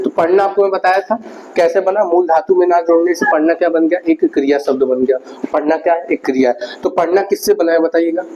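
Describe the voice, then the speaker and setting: A man's voice: a little high, warm tone. A man giving a grammar lesson, often repeating key words and putting questions to his students. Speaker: teacher. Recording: dull lo-fi recording with faint noise.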